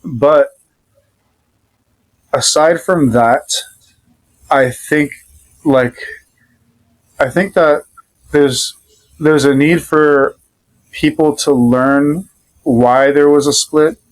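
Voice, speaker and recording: An adult father with a Rhode Island accent appears as a podcast guest, telling stories in a casual, conversational way. He's easygoing and rambles loosely, pausing often, and his fairly high voice holds a steady tone on a low-quality recording.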